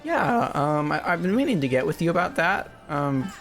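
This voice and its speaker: A man's voice: on the high side, sing-song, moderate pace, fairly bright tone, faint music behind. Dry, teasing man hosting a gaming chat. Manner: dry teasing, hesitant with fillers. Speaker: podcast host.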